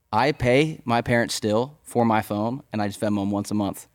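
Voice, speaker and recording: A young man hosts a podcast conversation, relaxed and encouraging, moving the talk from one topic to the next. His voice sits on the low side. The sound is dry and close. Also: measured pace, no room sound. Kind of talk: casual chat.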